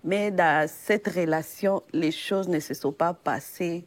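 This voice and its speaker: A young woman from the Democratic Republic of Congo appears as a guest evangelist on a faith talk show, sharing her personal testimony. Her fairly low voice is soft and quiet, and she speaks haltingly with frequent pauses.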